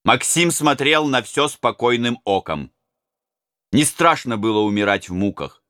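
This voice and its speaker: Male audiobook narrator, slow, expressive, bright, dry studio sound. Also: mid-range voice, clean tone, no echo. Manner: dramatic, expressive. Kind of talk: scripted narration.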